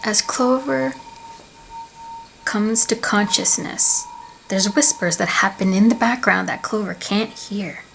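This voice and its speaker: A woman narrating a storybook tale with soft, deliberate pauses. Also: mid-range voice, vocal fry, a little hiss or hum. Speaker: storyteller and video creator.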